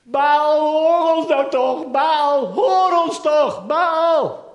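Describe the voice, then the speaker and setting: A man's voice: very high voice, dull audio, pitched above the performer's own voice, full character voice. Frantic chanting prophets, as a man puts them on. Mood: pleading chant. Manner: loud drawn-out pleading chant. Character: frantic chanting prophets of a false god, men. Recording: roomy echo.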